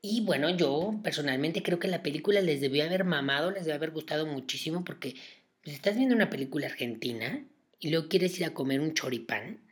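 A woman with a Mexican Spanish accent hosts a podcast in a low voice. She tells her story as casual, sarcastic chat, full of fillers and side remarks. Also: quick pace. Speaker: podcast host.

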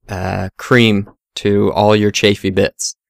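A man co-hosting a casual podcast chat, quizzing his friend and reasoning through the math out loud. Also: lowish voice, little pitch movement, slow, creaky, no room sound, clean studio sound.

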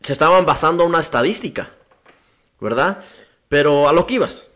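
A man with a Mexican accent hosting a casual chat, quick to laugh at himself. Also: on the high side, lively intonation, a bit bright. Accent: Mexican Spanish.

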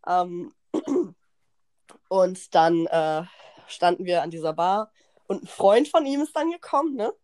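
A young woman hosting a podcast, telling a party story in slangy, animated casual chat and acting out what people said. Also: lowish voice, slow, long pauses. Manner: animated, slangy, acts out quotes, laughs often. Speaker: podcast host.

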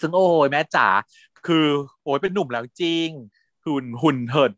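A man co-hosting a casual chat, recapping a series in an animated, giggly way and mixing in English words. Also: on the high side, moderate pace, no echo, clean studio sound. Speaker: hospital worker who does shifts.

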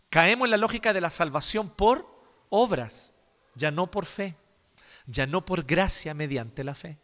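A man preaching a sermon, expressive and acting out examples, often asking his listeners questions. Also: high voice. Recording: long hall reverb.

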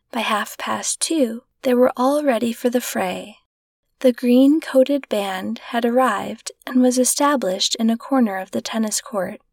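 A woman narrating a classic short story in a gentle, measured reading voice. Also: fairly high pitch, gravelly, dry recording, clean studio sound. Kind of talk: scripted narration.

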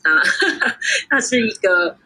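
一位三十多岁、在台湾长大的女侍酒师，通过远程连线接受访谈，说话随意，常笑，停顿和语气词很多。. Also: female voice, mid-range voice, very animated, slow pace, bright, forceful tone, husky, low-quality recording. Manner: chatty, laughs often, many fillers. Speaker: guest sommelier. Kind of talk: casual interview over a remote call. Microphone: video call.

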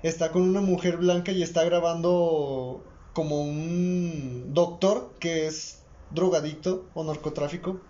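A young Mexican man with a high voice swaps stories with friends. He is slangy and jokey, acting out both sides of conversations. The audio is dull and lo-fi. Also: fairly even intonation, a little slow, mellow. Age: young adult. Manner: slangy, jokey, acts out dialogue. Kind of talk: casual banter and storytelling with friends.

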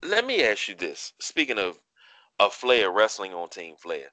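A man with a hoarse, parched voice, chatting casually and haltingly about sports as a podcast co-host. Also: lowish voice, wildly swooping pitch, pushed and bright, dry recording, poor audio. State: hoarse, parched throat after a day of yelling.

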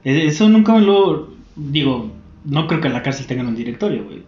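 A man's voice: fairly high pitch, sing-song, brisk, a little mellow. A young man with a Mexican accent, chatting casually with lots of slang, swearing and laughter. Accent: Mexican Spanish. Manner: laughs often, slangy and profane. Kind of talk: casual chat. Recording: roomy muffled recording.

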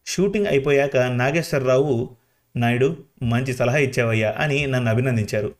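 A boastful small-town gossip spins showy tall tales in a story reading, played by a man. He speaks at a middle pitch with a bragging, self-satisfied lilt. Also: normal speed, close to an everyday voice.

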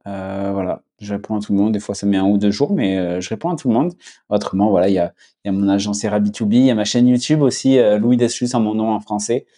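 A young man with a southwest French accent, chatting casually as a podcast guest, relaxed, with many fillers and restarts. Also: lowish voice, fast. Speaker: podcast guest, agency founder. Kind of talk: casual conversation.

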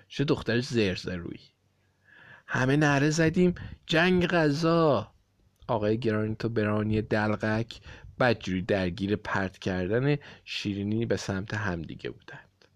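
A man narrating a children's storybook in an expressive reading. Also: on the low side, no room sound, clean studio sound. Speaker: audiobook reader.

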